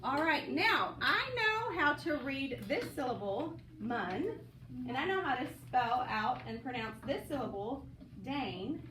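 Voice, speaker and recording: Sing-song and high, the woman teacher's voice moves at a moderate pace with hardly any pauses. She leads phonics practice, coaxing students by name in an upbeat way, recorded on a distant mic with room sound and audible noise.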